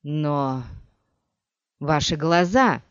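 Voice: mid-range voice, very slow, clear, resonant tone, no echo. A reader voicing a loyal, grizzled male desert warrior chief who speaks with anguish and pleading, in a dull, dry audiobook recording. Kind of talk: audiobook character reading.

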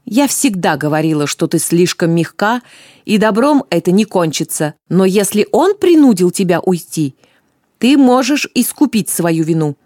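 A woman's voice: fairly high pitch, slow pace, darkish tone, no echo, studio quality. A woman voicing a cold, commanding amazon queen. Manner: harsh, commanding, clipped.

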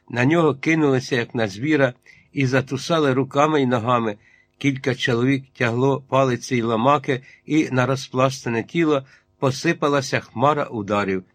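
A man reading a literary novel aloud in a measured way, in short phrases. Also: medium pitch. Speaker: audiobook narrator.

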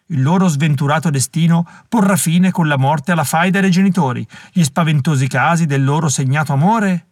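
A man's voice: brisk, hardly any pauses, no room sound, studio quality, lightly acted. A man voicing a tall male chorus leader in an audiobook, declaiming in a stentorian stage voice. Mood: solemn. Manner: declaiming, booming stage delivery.

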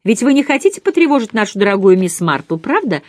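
A woman's voice: medium pitch, big pitch swings, fast talker, darkish tone, no room sound, studio quality, voice pushed up. A woman voicing a fussy, chattering elderly female companion who coos and talks down to her charge, in an audiobook reading. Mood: gossiping. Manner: cooing, patronizing, clucking.

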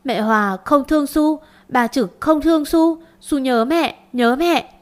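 Lady putting on a high teary little girl voice, whiny and pleading, storybook kid. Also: fairly quick, sharp tone. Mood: tearful. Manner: sobbing, pleading.

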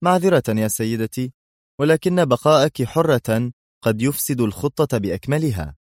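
A man reading a story aloud, voicing a calm, cold and sarcastic male spy hero. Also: mid-range voice, normal speed, dry recording, studio quality, pitched above the performer's own voice, close to an everyday voice. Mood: mocking.

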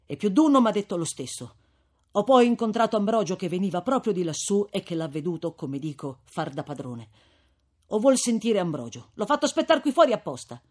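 An earnest young man bringing news, eager and urgent, his husky voice rising and falling, as a man reading a classic novel plays him. It is an audiobook character voice. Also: high-pitched, big pitch swings, brisk, pitched above the performer's own voice.

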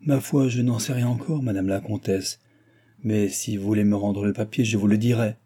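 A man's voice: fairly low pitch, steady tone, normal speed, dark tone, slightly rough. A man voicing a weary, gloomy lawyer in an audiobook, speaking in a mournful, resigned way. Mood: measured. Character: weary, gloomy middle-aged male lawyer.

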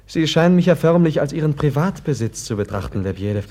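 An actor playing a gentle, ailing young prince in a 1950s radio play, mild but firm in manner. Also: male voice, fairly high pitch, animated, quick pace, natural voice.

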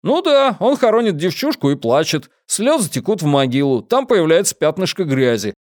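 A man's voice: a little high, sing-song, normal speed, a little mellow, no room sound, clean studio sound, voice pushed up. A man reading an audiobook and voicing an eager young writer who gushes about a scene.

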